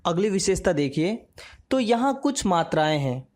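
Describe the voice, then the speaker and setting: A woman teaching a grammar lesson, slow and measured, drawing out each example word. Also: on the low side, big pitch swings, darkish tone.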